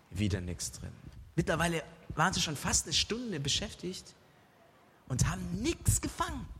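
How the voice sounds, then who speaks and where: A man telling a Bible story to a group in a lively, dramatic way, asking his listeners questions. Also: medium pitch, long reverb tail, a little hiss or hum.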